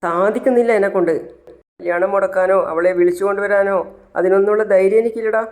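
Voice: medium pitch, fairly even intonation, fast talker, a little mellow, natural voice. Lovesick young man , put on by a storyteller, tearful and pleading, retelling a TV serial. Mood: despairing. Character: heartbroken young man torn by duty.

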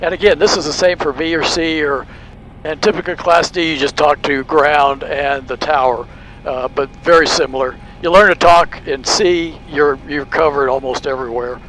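A man with a fairly high voice talks at a moderate pace while flying, mixing relaxed explanations with radio calls. He's a private pilot who hosts videos, recorded roughly inside a small cockpit with constant engine noise.

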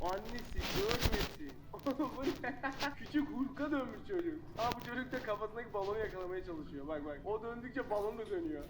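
Excitable young man reacting over noise. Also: high voice. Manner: excitable, exclaims and laughs often, slangy. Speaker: reaction video host. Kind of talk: casual live reaction commentary. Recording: heavy background noise.

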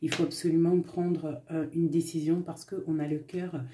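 This tarot reader has a deep, warm voice, a level tone, and normal speed as she does a casual reading to camera at an indoor table with her cards. Chatty and filler-heavy, she makes fond asides to viewers. Slight background noise is present.

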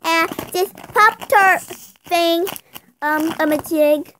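A woman's voice: very high voice, slow pace, a bit bright, a little hiss or hum, pitched above the performer's own voice, heavily acted. A young female performer voicing a shy six-year-old girl in a toy role-play video, using a baby voice and stammering with ums. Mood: eager.

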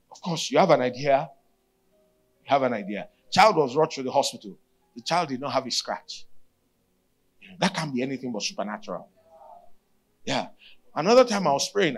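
A middle-aged Nigerian man preaches into a handheld microphone with a fairly high voice. His delivery swings widely in pitch, and he drives points home by repeating key phrases. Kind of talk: sermon. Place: stage at a church retreat, indoors.

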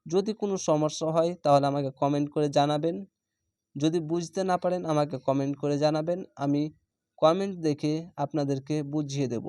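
A man teaching Quran reading, spelling out each syllable and then stretching the whole word slowly. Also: on the high side, fairly even intonation, mellow, clear, resonant tone, no echo, clean studio sound. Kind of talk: step-by-step spelling lesson.

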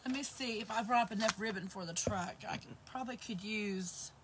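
Working with her hands on a live craft project, a hoarse-voiced woman in her fifties greets and chats with viewers as a craft channel host. She talks briskly in a mid-range voice. The background is noisy, and a camera faces her across the table in her indoor craft room with shelves.

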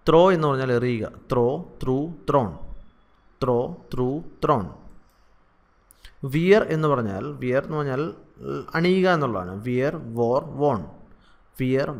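Male English teacher with a Malayali accent, patient and repetitive, mid-pitched voice. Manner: drills verb forms slowly and repetitively. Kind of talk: spoken English lesson in Malayalam.

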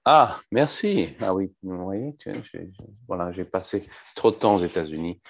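A man's voice: sits low, expressive, normal speed, vocal fry. A man teaching a live online Bible study, explaining a passage and asking his viewers questions.

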